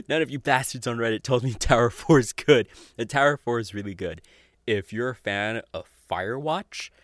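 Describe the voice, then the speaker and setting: At medium pitch and normal speed, a podcast host with a fairly bright tone rambles in a casual, enthusiastic monologue recommending audio dramas. He's sweary and informal, often chuckling. The recording is dry and clean, studio quality.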